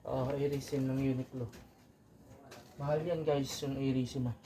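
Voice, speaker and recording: A woman's voice: a bass voice, fairly even intonation, moderate pace, mellow, a little hiss or hum. A woman with a Filipino accent, chatting playfully to her viewers while sorting secondhand shirts. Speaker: thrift clothing seller. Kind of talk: casual unboxing chat.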